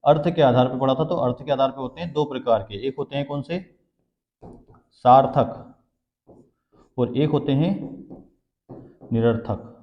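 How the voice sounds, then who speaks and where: A man's voice: mid-range voice, measured pace, pauses often. Man teaching Hindi grammar, echoey room. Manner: asks the class questions and answers them himself, repeats key terms. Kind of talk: exam-prep lecture. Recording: dull, echoey classroom sound.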